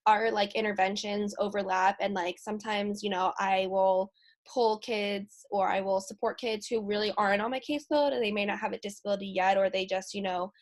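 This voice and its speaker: Talking fairly quickly in a mid-range voice, this woman chats casually in a flat, even tone, dropping "like" again and again. She is a special education teacher from the United States.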